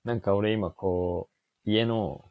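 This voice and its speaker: A man co-hosting a podcast, listening and giving short, relaxed replies in casual chat. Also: on the low side, takes it slowly, no echo, narrow, tinny audio. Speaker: podcast co-host.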